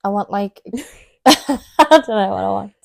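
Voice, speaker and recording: A woman's voice: mid-range voice, unhurried, vocal fry. A young woman guest on a podcast, feeling unwell, chatting bluntly and playfully. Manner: laughs a lot, blunt and playful. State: unwell, slightly off voice. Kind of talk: casual chat.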